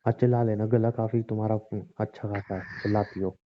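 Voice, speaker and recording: A man's voice: lowish voice, flat delivery, fast, a little hiss or hum. Grumbling young man on a tinny line. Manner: grumbling, exasperated, teasing. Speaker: husband in a skit. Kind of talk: scripted comedic phone-call skit. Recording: tinny phone-call audio.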